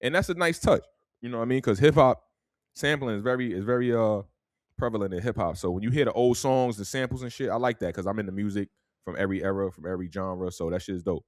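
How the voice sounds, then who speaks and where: A young New Yorker with a strong local accent hosts a podcast, telling a laid-back story in a fairly low voice and talking fast, often ending his sentences with "man." The audio is clean studio sound without echo.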